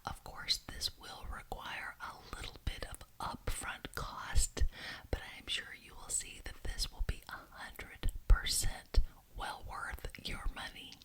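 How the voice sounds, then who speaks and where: A woman whispers in a breathy, unvoiced way for a witch ASMR roleplay, playing a genteel, officious witch who chairs a neighborhood meeting. She speaks deliberately and repeats words for emphasis. The recording is rough.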